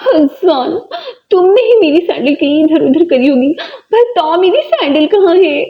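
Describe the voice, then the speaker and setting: Woman doing doll play-acting: high voice, whiny and pleading, lo-fi recording. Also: expressive, normal speed. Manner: whiny, pleading, near tears. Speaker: doll video creator. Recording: dull lo-fi recording.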